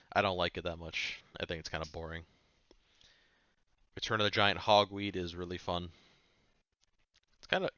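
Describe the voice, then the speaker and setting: Male music reviewer, deep smooth voice, offhand rambling chat, slightly muffled recording. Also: sharp tone, dry recording. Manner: rambling, offhand, swears casually. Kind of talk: casual chat.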